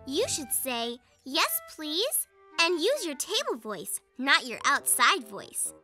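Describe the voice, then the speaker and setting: A woman voicing a kind, patient young girl in a children's cartoon who gently teaches good manners. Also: high-pitched, sing-song, takes it slowly, soft background music, heavily acted. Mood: gentle. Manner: gentle, instructive and sweet.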